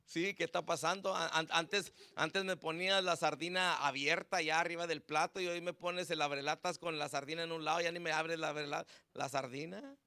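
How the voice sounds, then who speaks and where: Gravelly-voiced man preaching a sermon. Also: fairly high pitch, steady tone, moderate pace, pushed and bright. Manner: conversational preaching, mixing in English words, with prayer. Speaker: pastor.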